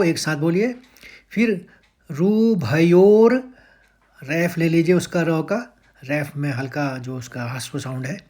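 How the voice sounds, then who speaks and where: A man teaching how to recite verses, patiently breaking words into syllables and chanting each line slowly and drawn out. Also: fairly high pitch, a little mellow. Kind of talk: step-by-step chant lesson.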